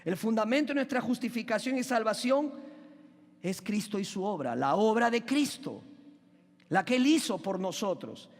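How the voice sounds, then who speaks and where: High-voiced preacher in a reverberant church. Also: male voice, lively intonation. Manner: questions the congregation and asks them to call out answers; emphatic, drawn-out stresses on key words. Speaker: pastor. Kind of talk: preaching a sermon. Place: church sanctuary. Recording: long hall reverb in a church.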